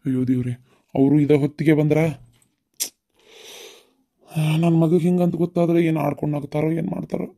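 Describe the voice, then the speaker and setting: A woman's voice: deep voice, a little fast, creaky, long pauses, mellow. A woman voicing a worried elder village mother in a cartoon, speaking with a North Karnataka Kannada accent in a fretful, lamenting way. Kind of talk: cartoon dubbing.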